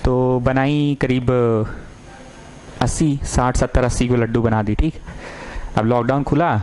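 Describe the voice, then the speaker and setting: A man teaching a maths lesson, coaxing his students and repeating lines slowly as he dictates. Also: mid-range voice, steady tone, a little mellow, rough recording. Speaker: maths tutor.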